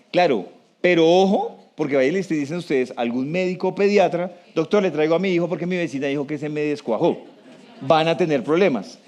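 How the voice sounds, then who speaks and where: Man giving a lively talk. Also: fairly high pitch. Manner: conversational, asks the audience questions; slows down for emphasis. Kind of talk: live talk to an audience.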